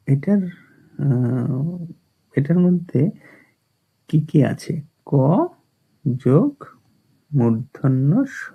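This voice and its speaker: A man's voice: medium pitch, vocal fry, breathy edge. A man teaching a lesson, explaining verse rhythm and asking and answering his own questions as he writes on a board. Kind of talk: explaining Bengali prosody at a board. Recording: tinny phone-like recording.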